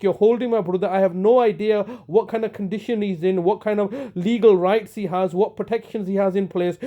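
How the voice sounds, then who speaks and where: A man's voice: high-pitched, warm tone. A man leaving a long, aggrieved voicemail, heard over a phone line, accusing and stumbling over fillers as he goes. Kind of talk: long complaining voice message. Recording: muffled phone-line recording.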